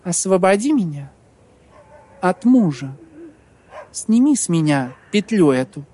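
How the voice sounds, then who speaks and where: Мужчина читает за расчётливую озлобленную молодую жену хозяина, уговаривая холодно и настойчиво. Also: male voice, high voice, very animated, unhurried, warm tone, a little hiss or hum, voice pushed up. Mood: persuasive. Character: scheming bitter young woman, innkeeper's wife.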